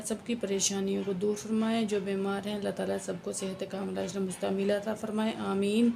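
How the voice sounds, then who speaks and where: A woman teaching Quran reading, slowly spelling out letters and syllables one by one, with brisk explanations in between. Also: mid-range voice, gravelly, darkish tone, slight background noise. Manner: slow, drawn-out syllable-by-syllable drilling with brisk explanations.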